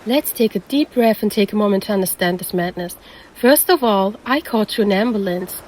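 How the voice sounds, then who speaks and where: A woman's voice: medium pitch, animated, moderate pace, darkish tone, slight background noise, natural voice. A woman voicing a predatory female siren who poses as a lifeguard and teases the listener in an audio roleplay. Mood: concerned, puzzled. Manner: teasing, calls the listener handsome.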